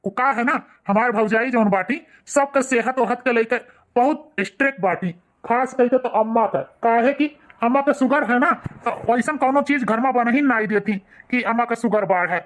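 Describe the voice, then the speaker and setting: A woman's voice: fairly high pitch, normal speed, hardly any pauses, lightly acted. A woman voicing a young village husband in an Awadhi cartoon, placating and lecturing his wife in rustic dialect. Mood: explaining. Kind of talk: cartoon dialect comedy acting.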